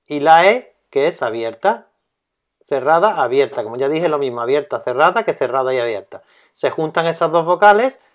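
A man teaches a grammar lesson in a slightly high voice. He speaks slowly and deliberately, pausing to repeat each key term.

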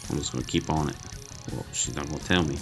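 Speaking fast in an extremely low, steady voice, a man offers relaxed, chatty commentary as he plays and reviews a mobile game. He thinks aloud and jokes about his own slip-ups while game music plays faintly behind him.

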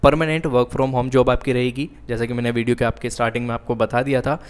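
Guy walking thru a job post on screen, mid pitch voice, slows down on the english bits, lots of fillers. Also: little pitch movement, clean tone. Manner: reads English job text slowly, then explains in Hinglish; frequent fillers, addresses viewers as guys. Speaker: job vacancy YouTuber. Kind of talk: screen-share walkthrough explainer.

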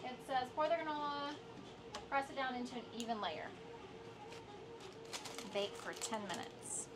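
An upbeat woman in her thirties talks casually to the camera on a lapel mic. Her voice sits at an ordinary middle pitch. Steady ambient noise hums behind her. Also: unhurried. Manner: upbeat, chatty, coaxing her daughter. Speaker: sailing vlogger. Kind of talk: casual vlog chat. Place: small car, then boat galley. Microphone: clip-on lapel mic.

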